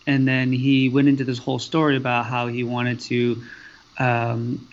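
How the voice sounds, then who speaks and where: A man from the Seattle area, a guest on a podcast, recounting his career path in an even way with hesitant fillers. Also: mid-range voice, highs cut off. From Seattle area, USA. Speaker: podcast guest, student affairs professional. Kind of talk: interview answers.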